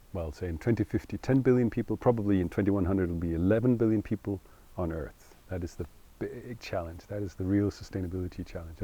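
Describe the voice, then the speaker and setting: A middle-aged man, speaking in English, talking earnestly and thoughtfully in an interview and pausing to find his words. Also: low-pitched, warm tone. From Denmark. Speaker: co-founder interviewee. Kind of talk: reflective interview talk.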